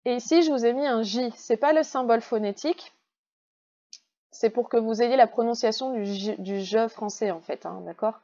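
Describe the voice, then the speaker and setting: French teacher slowly modelling English words. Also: female voice, fairly high pitch, mellow, muffled recording. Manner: patient, explains step by step, slows down to model pronunciation. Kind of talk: recorded online class explanation.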